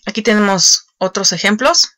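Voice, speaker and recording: A woman's voice: mid-range voice, normal speed, bright, forceful tone, dry recording. Patient woman teacher, dry close sound. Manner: patient, explains step by step with many fillers. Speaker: online English teacher. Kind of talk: recorded class explanation.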